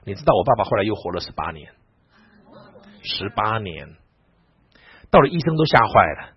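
A man preaching, telling a personal story in an animated way and retelling dialogue with lively asides. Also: lowish voice, moderate pace, slightly rough. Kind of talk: storytelling sermon. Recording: dull lo-fi recording, dry.

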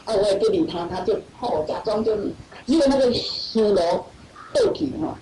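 A woman's voice: mid-range voice, lively intonation, moderate pace, background noise. A middle-aged woman tells her faith testimony to a church gathering. She talks animatedly, laughs often and acts out the voices of other people. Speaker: church member giving testimony. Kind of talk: personal testimony storytelling. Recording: echoey hall, far from mic, loud audience.

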